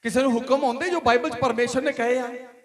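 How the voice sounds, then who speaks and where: A man's voice: very high-pitched, fairly even intonation, fast talker. A man with a Punjabi accent preaching a sermon in church, building to emphatic repeated questions. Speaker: pastor. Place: church hall.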